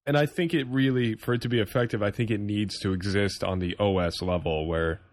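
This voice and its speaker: A young man hosting a casual tech podcast, relaxed and joking as he steers the talk. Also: lowish voice, a little fast. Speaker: podcast host.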